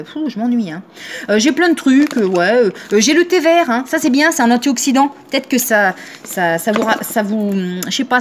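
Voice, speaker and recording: A woman's voice: medium pitch, a little hiss or hum. A woman in her thirties, a shop owner, talking casually to camera in a chatty, teasing way and acting out the voices she quotes. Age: 30s.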